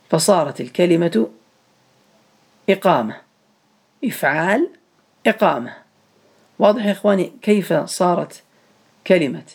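A man's voice: high-pitched, husky. A man teaching a grammar lesson to a class, patiently repeating each step and calling on students by name.

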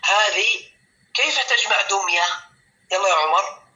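A man teaching a grammar lesson to students, patiently repeating words slowly and stopping to check whether they understand. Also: high-pitched, sharp tone, poor audio. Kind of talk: explanatory classroom lesson.

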